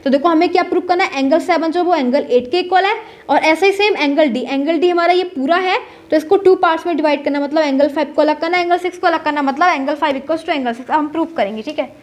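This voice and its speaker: A young woman with a high voice and a fast delivery teaches a maths lesson step by step, mixing in terms. She asks her own questions and answers them, checking in often.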